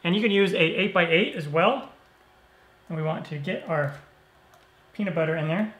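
A man hosting a cooking show, explaining each step of a recipe in a relaxed, easygoing way. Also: high voice, normal speed. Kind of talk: cooking demonstration. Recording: roomy echo.

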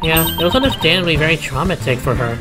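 A man's voice: fairly high pitch, fast, close to an everyday voice. A man voicing a young female lawyer who sounds caring and upbeat, over game music.

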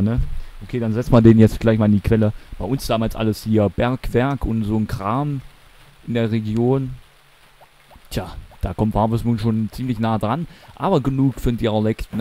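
Rambling young man with a mellow low voice. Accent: Mansfeld regional German. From eastern Germany. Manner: rambling, chatty, self-correcting. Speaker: let's play commentator. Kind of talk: casual gaming commentary.

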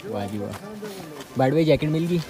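A man's voice: mid-range voice, animated, brisk, over music. A young man from Pakistan chatting to viewers in a casual travel vlog, filmed outdoors on a phone held at arm's length. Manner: chatty, addresses viewers directly. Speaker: vlogger. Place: outdoors by a roadside.

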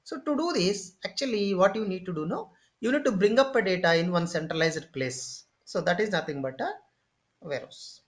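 Tech trainer voice for a screen-share lecture: mid-pitched, unhurried, step-by-step, leans on "okay" between points. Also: expressive. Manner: explains step by step, often pausing with "okay" and "say"; repeats and restarts phrases while thinking. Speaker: instructor.

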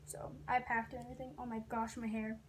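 A young American woman vlogs casually to her viewers from her bedroom, kitchen, car and outdoors at night, holding a phone or device at arm's length. Her voice is fairly high and level, her pace brisk. Background noise is audible.

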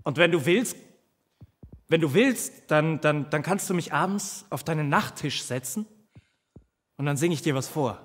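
An actor playing a devoted protective companion who imagines himself tiny and vengeful, speaking in a halting theatrical monologue that keeps stammering and repeating words. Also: male voice, a little high, animated, big-room sound. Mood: tender. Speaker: stage actor in a filmed play.

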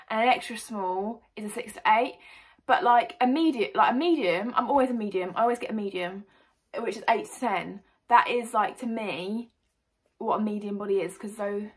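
A young woman with an English accent chatting through a clothing haul in a bubbly, energetic way, filmed at home under a ring light. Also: on the high side, low-quality recording. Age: young adult. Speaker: vlogger. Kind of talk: casual haul vlog.

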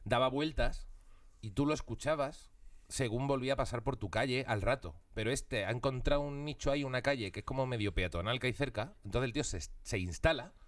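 A man's voice: medium pitch, brisk, no echo, far from the mic. A man, a comedian co-hosting a podcast in casual, jokey chat, ranting and swearing freely.

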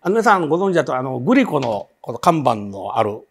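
A man's voice: mid-range voice, very animated, fairly quick, gravelly, breathy edge. A man with a Kansai accent telling a ghost story, vividly acting out the voices of the people in it.

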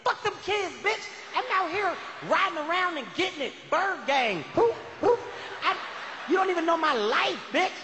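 A man on stage acting out a brash, boastful man high on drugs who believes he is a street dealer, taunting in profane, aggressive bursts. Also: animated, moderate pace, pushed and bright, slight background noise, exaggerated voice. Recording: echoey hall with faint ambience.

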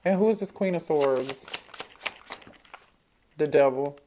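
Woman, low mellow voice, casual tarot reading, thinks aloud and repeats herself. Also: slow pace, a little hiss or hum. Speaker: tarot reader.

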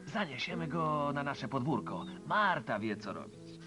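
A calm, kind builder from a children's cartoon. His gentle, reassuring voice moves in a lively way. Music plays clearly behind. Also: on the high side, measured pace. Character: calm, kind male builder, a steady leader. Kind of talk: cartoon dubbing.

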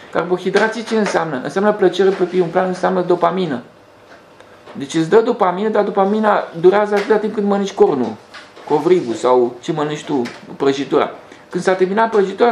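A man with a gravelly, slightly high voice talks through a rambling spiritual monologue. He restarts and hesitates often. The room echoes, and a faint hum sits underneath. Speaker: host.

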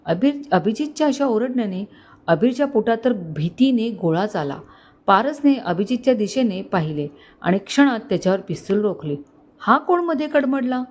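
A woman reads a family drama aloud as a storyteller, expressive and dramatic. Her narration is scripted and steady, at an everyday pitch. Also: normal speed.

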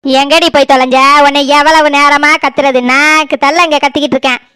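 A woman's voice: sits high, level tone, fairly quick, bright, forceful tone, dry recording. A woman voicing a scolding village mother-in-law with a Kanyakumari accent. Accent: Kanyakumari Tamil. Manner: scolding, self-pitying. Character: sharp-tongued older village mother-in-law.

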